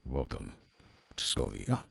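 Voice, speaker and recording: A man narrating the recap of a tabletop game in a scripted way, with a gravelly, raspy voice. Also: extremely low pitch, huge pitch swings, slow pace, a bit bright, a little hiss or hum.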